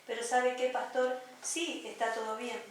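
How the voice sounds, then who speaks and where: A woman playing a troubled church member in a counseling role-play, asking plaintive questions and reading scripture slowly. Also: a little high, level tone. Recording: echoey room, distant mic, faint noise.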